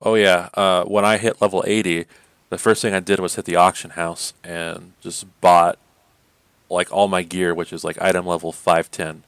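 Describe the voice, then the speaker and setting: A man co-hosting a podcast, chatting casually about games in a rambling way, full of fillers and quick laughs. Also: sits low, flat delivery, fairly bright tone, clean tone, no echo. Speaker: podcast co-host. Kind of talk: casual gaming chat.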